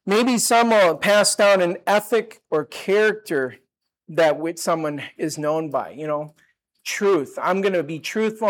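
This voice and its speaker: An older man giving a sermon, talking in a relaxed conversational way with asides and restarts. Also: high voice. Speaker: pastor.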